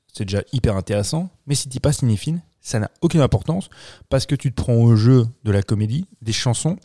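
A man co-hosting a casual film podcast, relaxed and thinking aloud as he talks. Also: medium pitch, no room sound, clean studio sound. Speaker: podcast co-host.

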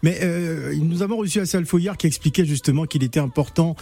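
A man's voice: a little high, brisk, vocal fry, warm tone. A man from Cameroon hosting a radio show, chatting with callers and a guest in a jovial, teasing way. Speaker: radio host. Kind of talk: casual radio chat with callers.

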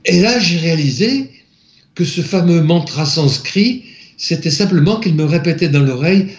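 A man from France, an interview guest, softly recounting a personal spiritual experience, halting and searching for his words. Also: a little high, expressive. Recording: echoey, slightly dull room recording.

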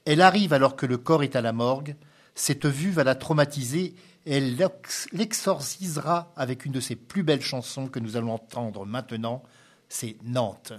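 A man hosting a radio music show, reading a singer's life story in a steady, read-aloud presenter manner. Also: medium pitch, moderate pace. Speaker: radio host. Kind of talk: scripted biographical narration on radio.

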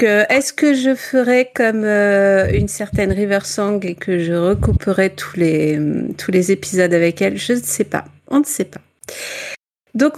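A woman's voice: mid-range voice, darkish tone. A woman from northern France chatting at a book club, presenting a novel with many fillers and self-mocking asides. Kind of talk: casual book club chat.

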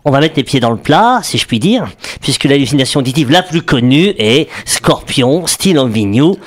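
A man's voice: medium pitch, big pitch swings, moderate pace. A man giving a playful radio segment, joking and laughing often as he explains. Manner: jokey, laughs often, explains with mock accents. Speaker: radio columnist.

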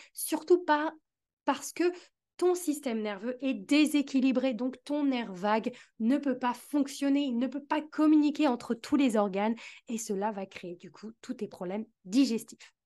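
A woman's voice: high-pitched, warm tone. A woman hosting a solo educational podcast, earnestly explaining things and speaking directly to the listener. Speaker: podcast host, digestive health specialist.

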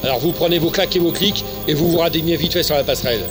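An actor playing a space commander in a sci-fi audio comedy, barking orders like a drill sergeant. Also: male voice, on the high side, rapid-fire, music in the background, natural voice. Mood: exasperated, commanding.

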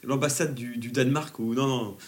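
A man's voice: mid-range voice, steady tone, moderate pace, crowd noise. A man giving a blunt, crude review in a casual chat, emphatic and laughing often. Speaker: panelist.

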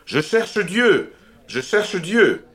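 Un homme qui joue un fou exalté qui crie sur la place publique. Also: male voice, mid-range voice, lively intonation, very slow, voice pushed up. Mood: anguished. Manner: declaiming, fervent. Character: frantic madman crying out in the marketplace.

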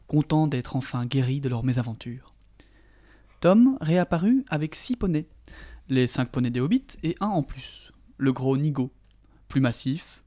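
A man narrating a fantasy audiobook in a steady, even manner. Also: mid-range voice. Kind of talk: audiobook reading.

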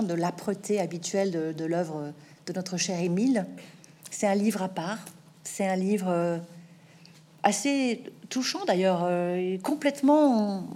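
A middle-aged woman novelist answering interview questions in a thoughtful, measured way, with hesitant restarts. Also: medium pitch, dark tone. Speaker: novelist guest.

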